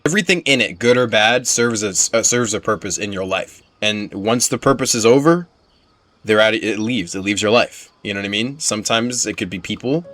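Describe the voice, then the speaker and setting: Video game music plays under a man whose lowish voice has a fairly bright tone and no echo. As he plays, he gives loose, slangy, frank reactions to the game.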